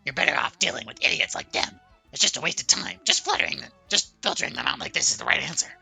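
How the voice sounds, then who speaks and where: A sly, deadpan adult woman in a video game, teasing in a sing-song way. Her voice sits low, with heavy gravel and a husky, breathy edge. The tone is bright and sharp. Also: quick pace, soft background music, heavily acted.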